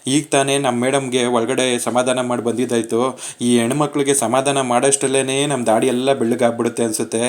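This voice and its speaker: A kind young husband, talkative and teasing, coaxing everyone out of their worries, as a man reads his lines. His voice stays flat and middle-pitched, plain and everyday. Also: a little fast, lightly acted. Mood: reassuring.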